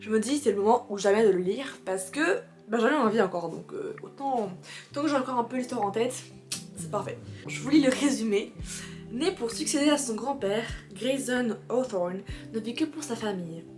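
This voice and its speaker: A woman presenting books in a casual vlog, chatty and excitable, laughing often and reading back-cover blurbs aloud. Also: fairly high pitch, normal speed, faint music behind. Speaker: booktuber. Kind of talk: casual book haul chat.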